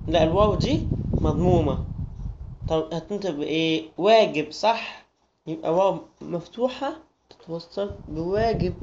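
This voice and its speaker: A young man with an Egyptian Arabic accent teaching a children's lesson in a coaxing, sing-song way. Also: sits high. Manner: coaxing, sing-song, addresses kids as friends. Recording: dull lo-fi recording with noise.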